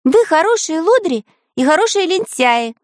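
Woman doing squeaky fussy pencil boy. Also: sing-song, moderate pace, no room sound, studio quality. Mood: suspicious. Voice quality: very high squeaky voice. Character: boyish fussy male pencil character.

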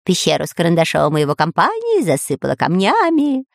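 A woman's voice: lowish voice, wildly swooping pitch, brisk, creaky, dry recording, studio quality, exaggerated voice. A woman doing a crowing villain's parrot. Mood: gloating. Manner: gleeful and crowing. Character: gloating villain's parrot, male, boastful. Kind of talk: children's audiobook voice acting.

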